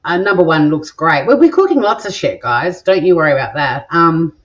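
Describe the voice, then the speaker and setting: Expressive and fairly quick, with a low-sitting voice, a middle-aged Australian woman hosts a live cooking stream in her home kitchen. She reads viewer comments playfully and swears now and then, and the home recording is dull and lo-fi.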